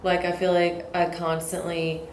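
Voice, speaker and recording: A young married woman, a podcast guest talking in a halting, reflective way. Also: lowish voice, monotone, roomy sound, slight background noise. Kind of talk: casual chat.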